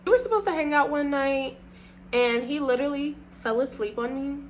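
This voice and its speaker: A young woman recounts a dating story in a casual vlog, animated and quick to swear. Her voice sits a little high. A faint hiss runs underneath. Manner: animated, profane, breaks into laughter. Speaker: storytime vlogger.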